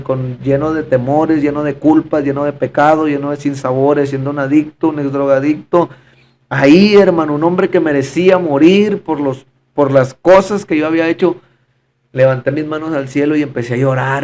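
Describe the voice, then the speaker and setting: A man with a fairly high, darkish voice shares a fervent, repetitive personal testimony in conversation. He's a podcast guest and often calls his listener brother.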